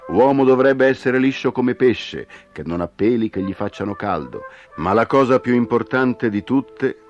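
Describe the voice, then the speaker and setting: A man's voice: medium pitch, animated, moderate pace, darkish tone, lo-fi sound, soft background music, voice pushed up, natural voice. A man voicing a smug, patient trickster coyote.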